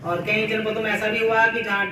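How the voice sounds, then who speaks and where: A man addresses fellow teachers at a school cluster meeting, explaining at length and repeating words for emphasis. His voice sits high and bright. The room is strongly echoey and the mic is placed well away from him. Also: monotone, brisk, distant mic. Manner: explanatory, repeats words, uses everyday examples.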